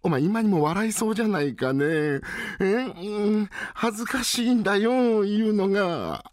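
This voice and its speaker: A man's voice: high voice, a little slow, dry recording, clean studio sound, voice pushed up. A man in a rakugo storytelling voicing a bashful, lovesick young merchant's son who talks in a shy, whiny way.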